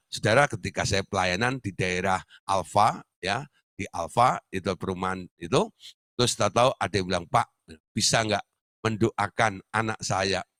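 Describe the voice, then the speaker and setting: A man's voice: fairly low pitch, fairly bright tone, no echo, studio quality. A male pastor preaching in a conversational storytelling way, often laughing as he talks. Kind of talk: sermon.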